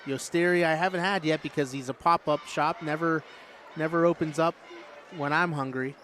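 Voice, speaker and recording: A man calls a high school basketball game play by play, slightly high-voiced and chatty, tossing in jokes between plays. The crowd and game sounds in the gym run clearly underneath. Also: steady tone, normal speed, a bit bright. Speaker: play-by-play announcer. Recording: noisy gym broadcast.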